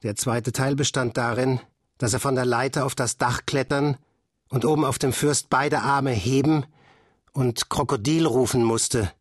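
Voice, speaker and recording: Man, audiobook narrator, husky voice, calm measured reading, dry close sound. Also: medium pitch, no echo.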